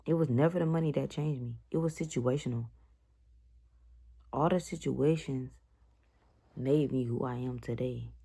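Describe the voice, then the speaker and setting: A woman's voice: extremely low pitch, creaky, dark tone. A young woman telling a story to her viewers in a blunt, slangy, profane rant. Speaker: vlogger. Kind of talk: casual storytime vlog.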